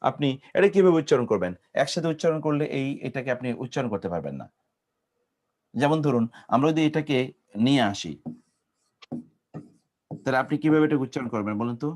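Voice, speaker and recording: Animated and a little fast, yet prone to long pauses, this man speaks in a mid-range, slightly mellow voice with a Bangladeshi accent. He lectures on Arabic grammar, breaking verb forms into syllables and putting quiz questions to the class as he drills conjugations.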